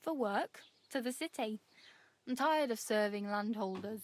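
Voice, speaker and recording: A woman's voice: on the high side, measured pace, natural voice. An actress playing a cheerful, chatty young female wanderer in a game. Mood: friendly. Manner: friendly, chatty, laughs easily.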